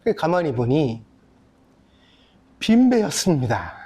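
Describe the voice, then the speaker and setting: A man's voice: fairly high pitch, a little slow, slightly rough. A male pastor in his fifties preaching a story-filled sermon, speaking straight to his congregation. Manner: animated, addresses the congregation directly, acts out characters. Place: church sanctuary.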